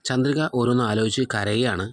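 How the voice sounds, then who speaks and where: A man with a medium-pitched, fairly even voice recaps a TV serial episode at a quick pace. In a casual, plain storytelling style, he relates each character's lines in his own voice.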